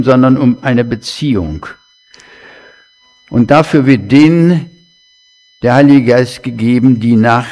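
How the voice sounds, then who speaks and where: A man delivers a sermon at an unhurried, deliberate pace. His voice sits at a middle pitch and carries a long reverb from the room. He talks to his listeners in a conversational way, with small asides. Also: a little mellow. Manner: slow, conversational preaching with asides. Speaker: preacher.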